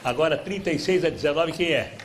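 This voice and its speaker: Um homem brasileiro apresentando um programa de auditório ao vivo, lendo pistas devagar e provocando as participantes. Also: male voice, on the high side, a crowd in the background. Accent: Brazilian Portuguese. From Brazil. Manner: reads clues slowly, teasing contestants. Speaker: game show host. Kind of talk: live TV game show hosting. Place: TV studio with live audience. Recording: clear background noise from a TV studio.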